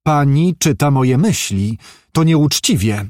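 A man voicing a worldly, wealthy industrialist who blusters and pleads in a fussy, animated way. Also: mid-range voice, takes it slowly, dry recording, clean studio sound. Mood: flustered pleading. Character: rich, worldly, flustered male industrialist.

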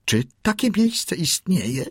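A man voicing a young male seal, eager and bold, in a high, insistent voice. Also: very animated, takes it slowly, breathy edge, no echo, clean studio sound, heavily acted. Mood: eager asking.

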